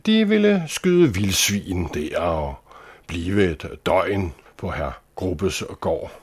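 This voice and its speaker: Low husky male storyteller. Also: very animated. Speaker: narrator. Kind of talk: scripted storybook narration.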